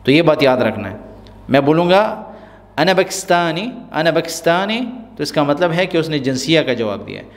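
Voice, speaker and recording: A man, teaching a spoken-language lesson and repeating example phrases slowly and deliberately. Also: fairly high pitch, sing-song, in a large hall. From Pakistan. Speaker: Arabic teacher.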